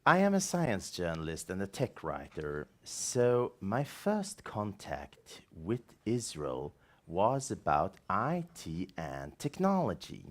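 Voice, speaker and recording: A man with a Swedish accent whose first language is Swedish, giving a formal presentation of his report in a measured, halting way with restarts. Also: sits low, wildly swooping pitch. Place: seminar room.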